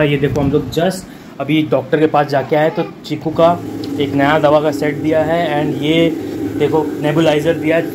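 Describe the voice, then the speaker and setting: A man with a Bengali accent talks casually to his camera at home, coaxing and reassuring in a slightly raised voice. Steady household noise runs behind him. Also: fairly high pitch. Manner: soothing a crying pet with repeated coaxing words. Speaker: vlogger. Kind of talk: casual home vlog narration. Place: home indoors.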